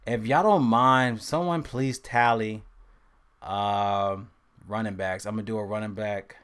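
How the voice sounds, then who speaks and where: A man with a low voice hosting a laid-back sports picks stream. He talks in loose slang and keeps repeating and testing out player names in a playful way. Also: steady tone, unhurried, fairly bright tone, smooth. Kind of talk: casual live-stream sports talk.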